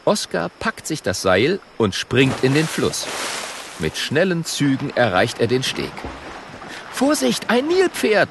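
A man narrating a children's audiobook in an expressive way. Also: medium pitch, unhurried, noisy background.

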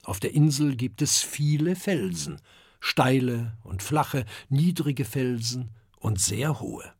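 A middle-aged man narrating a children's audiobook in a calm, expressive storytelling manner. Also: medium pitch, takes it slowly, breathy edge, no echo, studio quality.

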